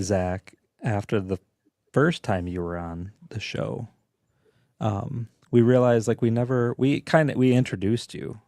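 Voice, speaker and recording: A middle-aged man with a low, gravelly voice chats loosely as a dad co-hosting a sports podcast. He is playful and easygoing, tossing in asides and fillers. The sound is close and dry. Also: warm tone, no room sound. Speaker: podcast co-host and father. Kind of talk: casual chat.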